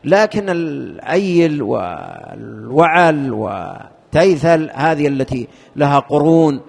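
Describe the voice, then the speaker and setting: A man gives a lesson, explaining a legal text in a somewhat high, gravelly voice. He stops often and repeats words while he hunts for the right term. The sound has a long reverb, like a large hall. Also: big pitch swings. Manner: halting, repeats words while searching for terms. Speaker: teacher explaining a fiqh text. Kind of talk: lesson commentary.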